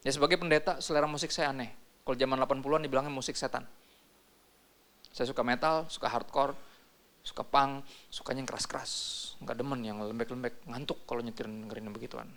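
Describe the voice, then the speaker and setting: A man's voice: mid-range voice, fairly bright tone. A male pastor, preaching a sermon in a casual, joking, slangy way.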